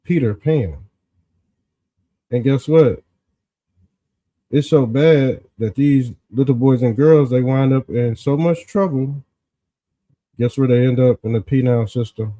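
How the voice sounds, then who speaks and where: A man hosting an informal political commentary show, talking in folksy street style with drawn-out emphasis and a smug, sarcastic exposé manner. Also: mid-range voice, warm tone.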